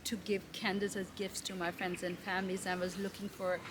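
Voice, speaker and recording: A woman's voice: mid-range voice, little pitch movement, fairly quick. Friendly woman guest, noisy room. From Pakistan. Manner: friendly, with frequent restarts and fillers. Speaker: interview guest. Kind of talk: casual interview. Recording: noisy background.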